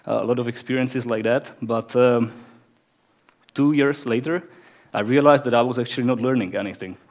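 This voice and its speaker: A man's voice: mid-range voice, moderate pace, darkish tone. A man in his thirties with a Czech accent, giving a conference talk on stage without slides, often repeating words and restarting sentences. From Czech Republic. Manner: hesitant, many word repeats and restarts. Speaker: conference speaker, production director. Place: bright stage of a conference hall. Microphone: headset microphone.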